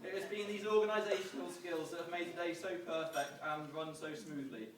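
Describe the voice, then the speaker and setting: A man giving a prepared, humorous best man speech, projecting to the room with dry storytelling and pauses. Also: on the high side, fairly even intonation. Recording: echoey, distant, noisy event recording.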